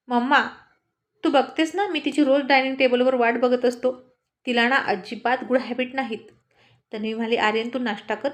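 A woman with a slightly high voice narrates a family love story, voicing every character's lines herself in a light, conversational way.

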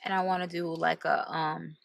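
A woman in her thirties, a vlogger, chats casually to camera from the passenger seat of a car, often correcting herself mid-thought. Her voice is low, gravelly and flat, at a normal speed. The camera is held at arm's length, and there's no echo.

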